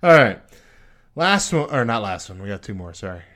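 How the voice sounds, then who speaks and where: A man's voice: fairly low pitch, big pitch swings, moderate pace, fairly bright tone. A man co-hosting a casual chat podcast, laughing often and reading rules aloud. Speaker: podcast co-host.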